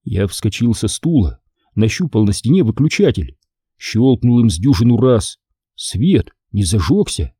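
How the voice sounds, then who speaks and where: A man narrating an audiobook in first person, with expressive storytelling. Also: on the low side, unhurried, slightly rough, no echo, studio quality.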